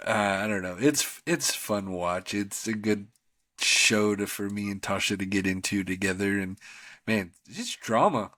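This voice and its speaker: A man's voice: lowish voice, measured pace, a bit bright, dry recording, clean studio sound. A man co-hosting a podcast, talking casually about TV shows in a rambling, slangy, conversational way. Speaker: podcast co-host.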